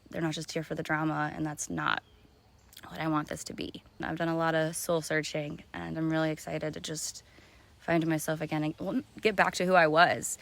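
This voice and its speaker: Woman, low voice, gravelly, rambling casual vlog talk, soft and half-whispered, outdoors. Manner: rambling and filler-heavy. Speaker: vlogger. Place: outdoors in the woods.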